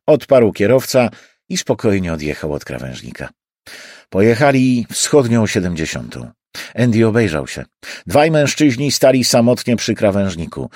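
A man's voice: fairly low pitch, darkish tone, no room sound, studio quality. A man narrating an audiobook in a dramatic, varied reading. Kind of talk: scripted narration.

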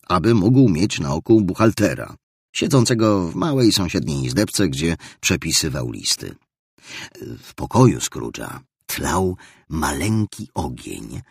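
A man narrating an audiobook in a measured, expressive way. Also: sits low, gravelly, breathy edge, no room sound, clean studio sound.

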